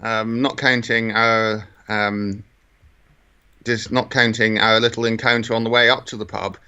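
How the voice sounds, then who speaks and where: A British man co-hosts a casual podcast, describing things conversationally. His voice is bright and crisp at a middle pitch, though the recording is a little dull and lo-fi. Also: level tone, a little slow. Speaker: podcast co-host. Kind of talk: casual chat describing a walk.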